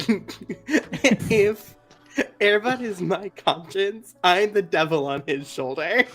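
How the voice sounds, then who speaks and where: A woman's voice: mid-range voice, slow pace, fairly bright tone. A woman chatting casually as a player in a tabletop game. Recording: music behind the voice.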